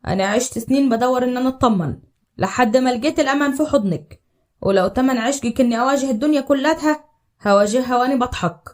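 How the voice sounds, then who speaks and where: A devoted young husband with an Upper Egyptian accent, his voice pitched low and earnest, as a woman acts him out. He talks in a quick, steady flow of heartfelt vows in a storybook audio drama. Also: natural voice. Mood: tender. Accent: Upper Egyptian Arabic. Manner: low, earnest, tender declarations.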